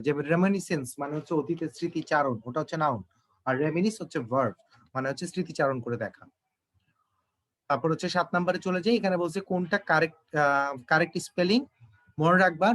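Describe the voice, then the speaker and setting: A young man with a somewhat high-pitched voice walks students through English exam questions. He explains each answer patiently and talks straight to the class. He slows right down when he reads the English sentences aloud. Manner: explanatory, addresses students directly, slow when reading English. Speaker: teacher. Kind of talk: exam-prep English lesson.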